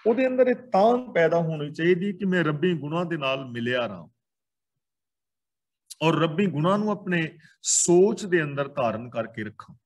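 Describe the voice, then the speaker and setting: Calm Punjabi man explaining scripture. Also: a little high. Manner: calm explanatory, pauses between short phrases. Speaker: Sikh scripture teacher.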